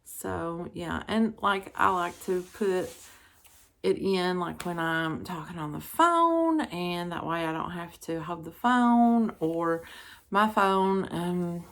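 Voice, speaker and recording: A woman's voice: lowish voice, slow pace. A middle-aged woman vlogger chatting casually in a rambling way, then reading a devotional aloud. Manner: chatty, rambling, with many "like" fillers.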